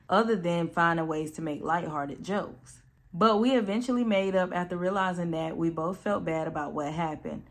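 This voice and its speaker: A woman reading forum posts aloud in a calm voice, then reacting with blunt, sassy commentary. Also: on the low side. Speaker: storytime channel host.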